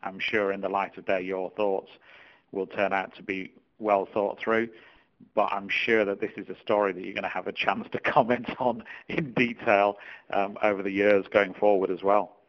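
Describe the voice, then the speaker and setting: A man co-hosting a legal podcast, speaking in a measured way with halting fillers. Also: on the low side, level tone. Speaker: podcast co-host. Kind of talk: casual legal podcast chat. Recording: dull lo-fi remote line.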